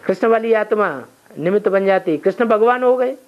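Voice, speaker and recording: Male spiritual teacher, quizzes his listeners and answers himself, muffled low-fi recording. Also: brisk. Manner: asks rhetorical questions and answers them himself. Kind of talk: spiritual class, question and answer. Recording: dull lo-fi recording with faint noise.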